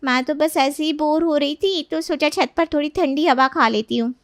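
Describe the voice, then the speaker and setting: A woman's voice: sits high, moderate pace, dry recording, studio quality, close to an everyday voice. A woman voicing a kind, obliging young woman in a cartoon story, talking sweetly and always ready to help. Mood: fretting.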